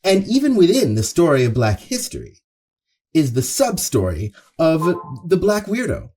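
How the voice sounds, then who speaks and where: A man delivering an opening monologue as host, speaking in an earnest, emphatic, conversational way with pauses and repetition for stress. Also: a little high, wildly swooping pitch, mellow. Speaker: show host. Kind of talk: opening monologue, half-scripted social commentary.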